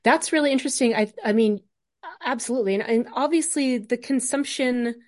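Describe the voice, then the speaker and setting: A woman's voice: on the high side, a little fast. Informal, emphatic woman scholar explaining ideas. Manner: animated, emphatic, colloquial with frequent "like" and "right?". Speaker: academic interview guest, literature scholar.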